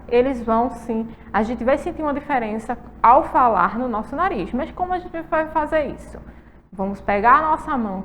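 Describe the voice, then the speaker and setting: A woman teacher giving a lesson to young children, speaking slowly, asking them questions and repeating words for them. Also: high-pitched, a bit bright, big-room sound. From Brazil. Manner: slow, coaxing, asks kids questions and repeats words.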